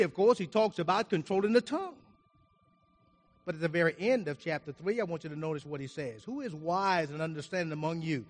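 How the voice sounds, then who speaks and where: A man preaching a sermon, reading scripture aloud and explaining it, his volume rising and falling for emphasis. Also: high-pitched. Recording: reverberant hall.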